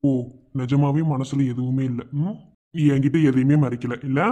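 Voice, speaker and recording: A man's voice: medium pitch, steady tone, moderate pace, warm tone, natural voice. A man voicing a male college student who earnestly reassures his fiancée and promises to protect her. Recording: dull lo-fi sound.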